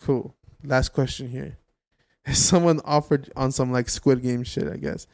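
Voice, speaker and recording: A man's voice: medium pitch, steady tone, unhurried, darkish tone, no room sound. A man hosting a podcast in casual chat, with slangy frat-bro banter. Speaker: podcast host.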